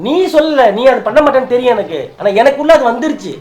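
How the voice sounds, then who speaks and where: In a staged prank video, a husband cries as he pleads with his wife and tries to reassure her in an emotional, scripted couple conversation. His voice is very high, expressive, quick, and a little mellow, tearful and consoling.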